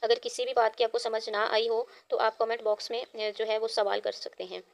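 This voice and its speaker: A woman's voice: a little high, little pitch movement, a little fast, vocal fry. A woman Quran teacher with a Pakistani Urdu accent, giving a recitation lesson: she spells out syllables one by one with care, then explains the rules.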